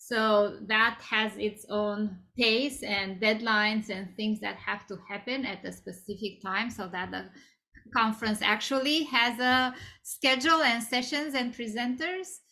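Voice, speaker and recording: Interview guest: woman, 40s, high bright voice, chatty with many ums. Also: steady tone, measured pace. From Romania. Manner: conversational, many fillers and restarts. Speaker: guest speaker. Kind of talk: career interview.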